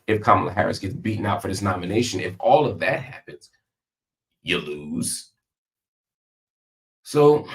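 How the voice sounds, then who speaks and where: Male live-stream political host, low voice, emphatic and conversational, leaning on repetition, recording in a hospital room. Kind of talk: live political commentary, direct address to viewers.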